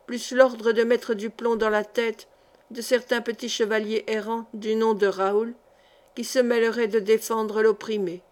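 A woman reading a historical novel aloud as an audiobook narrator, steady and expressive. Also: on the high side. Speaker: audiobook reader. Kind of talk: scripted narration.

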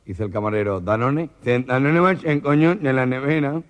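A man's voice: mid-range voice, moderate pace. A man with a Spanish accent telling jokes on an old cassette recording, acting out characters with nasal comic voices. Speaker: comedian. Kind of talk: stand-up joke telling.

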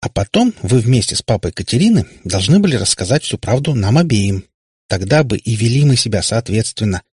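A man voicing a sharp-tongued, indignant teenage girl in an audiobook, with a raised, husky voice. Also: lowish voice, very animated, fairly quick, dry recording, clean studio sound, heavily acted. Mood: scolding.

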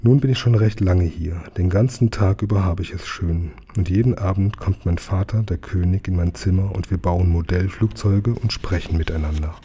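A man narrating a children's audiobook in a calm, measured way. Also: low voice, slightly rough. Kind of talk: audiobook reading.

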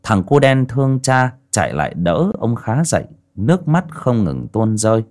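A man narrating an audiobook story in an expressive storytelling manner. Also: medium pitch, moderate pace.

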